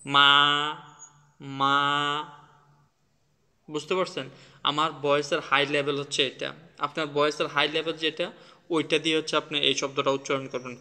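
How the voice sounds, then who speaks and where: A man's voice: fairly high pitch, pushed and bright, in a large hall. A man teaching in a casual video lesson, demonstrating sounds and mixing in English words. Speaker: language teacher.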